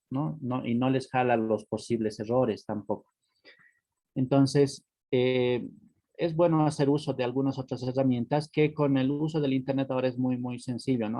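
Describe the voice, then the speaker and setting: Here a male teacher gives a class online in a warm, medium-pitched voice, captured in a dry recording. His manner is patient and explanatory; he repeats words and almost constantly checks in with "¿no?" or "¿sí?"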